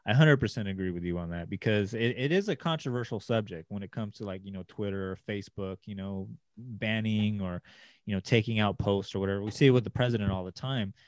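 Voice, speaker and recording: A man's voice: fairly low pitch, quick pace, no echo. A man in casual podcast chat, telling stories in a rambling way and acting out what others said. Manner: rambling storyteller who acts out quoted dialogue.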